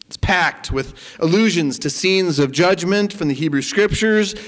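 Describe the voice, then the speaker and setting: A man preaching a sermon and leading prayer, speaking deliberately with prayerful pauses. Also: high voice, in a large hall. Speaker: pastor.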